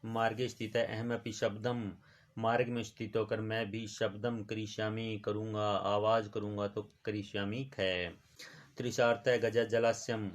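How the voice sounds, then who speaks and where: Low-voiced man teaching Sanskrit. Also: flat delivery, unhurried. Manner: reads Sanskrit lines, then explains each in Hindi. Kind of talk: classroom lesson explaining a Sanskrit exercise.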